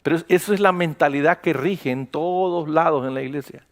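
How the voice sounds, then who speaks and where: A man's voice: a little high, fairly quick. A man, a pastor preaching a sermon in a conversational storytelling way and acting out dialogue. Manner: conversational, animated retelling with acted dialogue.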